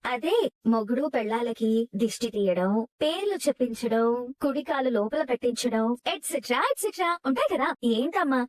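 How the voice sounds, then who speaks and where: An actress playing a lively young sister-in-law who talks in a bossy, teasing manner. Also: female voice, a little high, normal speed, lightly acted. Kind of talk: TV serial acting.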